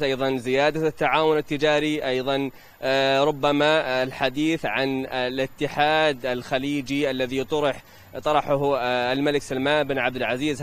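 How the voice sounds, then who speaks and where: A man with a Saudi accent giving a live news report outdoors into a handheld microphone, halting as he searches for words. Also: mid-range voice. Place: outdoors in a large open plaza.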